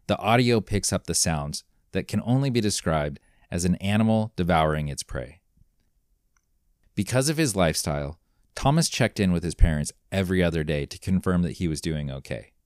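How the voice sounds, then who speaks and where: A man reading a scripted mystery story in a measured, grave manner. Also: low-pitched, expressive, darkish tone, no room sound, clean studio sound. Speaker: narrator.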